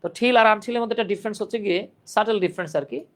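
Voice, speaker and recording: A man's voice: sits high, fast. A man from Bangladesh teaching an English grammar lesson on a live stream, chatty and joking as he talks straight to his students. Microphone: phone.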